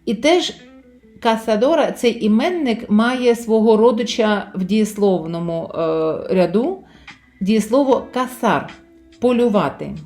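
A woman teaching Spanish to Ukrainian listeners in a patient way. She calls her listeners friends and slows down on each example word. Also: on the high side, a little mellow, soft background music. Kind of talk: vocabulary lesson with slow spoken examples.

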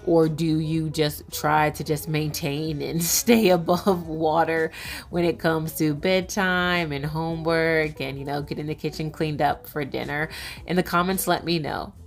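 A woman's voice: deep voice, fairly even intonation, measured pace, vocal fry. A woman in her thirties, a mother, narrating a home vlog in a chatty, casual way with many filler words. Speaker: vlogger, mother.

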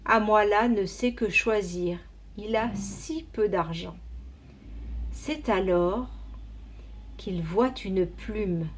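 A woman teacher reading a picture book aloud to young children in an expressive, carefully paced storytelling manner. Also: mid-range voice, takes it slowly, long pauses, a little hiss or hum.

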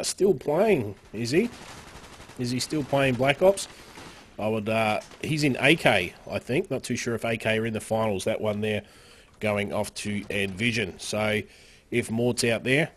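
A man casting a live online game match, upbeat play-by-play with frequent fillers and sudden excited rises. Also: fairly low pitch. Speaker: esports caster.

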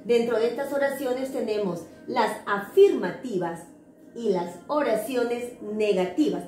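High-voiced teacher coaxing pupils. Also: female voice, a little slow. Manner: animated, coaxing, talks directly to young pupils. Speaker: primary school teacher. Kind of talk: remote grammar lesson for children. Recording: echoey room, faint noise.

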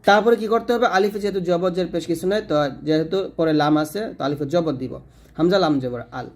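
Bengali man teaching slow Quran recitation. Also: high-pitched. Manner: explains patiently, then recites slowly with drawn-out vowels. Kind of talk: spoken lesson on correct recitation.

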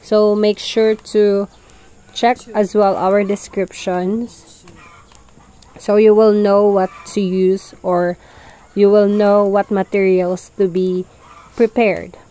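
A woman calmly explaining, step by step, how she prepares a farm fertilizer mix, speaking outdoors on a farm. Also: medium pitch, takes it slowly, poor audio. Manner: calm, explanatory, plain wording. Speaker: farm vlogger. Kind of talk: instructional farm narration.

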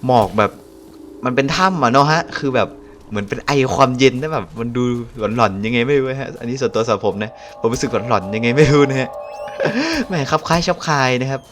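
A man's voice: mid-range voice, very animated, a little fast, fairly bright tone, faint music behind. A man hosting a mobile game let's-play, chatting casually, chuckling often and exclaiming when surprised. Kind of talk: casual gameplay commentary.

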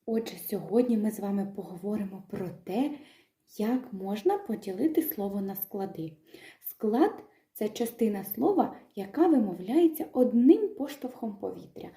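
A woman teaching young children to read, talking in a gentle, slow, sing-song way and breaking words into syllables. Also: mid-range voice, expressive. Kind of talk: children's literacy lesson with a told tale. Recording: echoey room.

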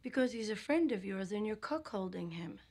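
An actress playing a middle-aged psychotherapist in a TV drama, deliberate, precise and probing. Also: female voice, medium pitch, lively intonation, darkish tone. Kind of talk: naturalistic TV drama acting. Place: small office.

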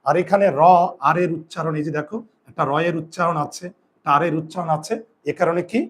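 A male teacher with a fairly high voice leads a spelling lesson for his students. He repeats each rule several times. He asks the class questions and then answers them himself. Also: fairly even intonation, brisk, a bit bright. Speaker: Bengali grammar teacher.

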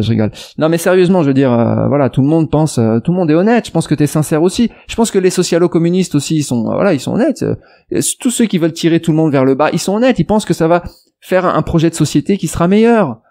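Speaking to a viewer who left a comment, this investment YouTuber from France wanders off on tangents, restarts often, leans on fillers, and argues directly at the person. He has a warm voice on the high side.

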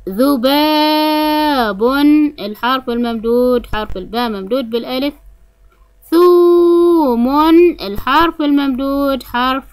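A woman teaching a reading lesson for young children, sounding out syllables slowly and deliberately. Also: on the high side, fairly bright tone, no room sound. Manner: slow, drawn-out syllables for children to repeat. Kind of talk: early-grade reading lesson.

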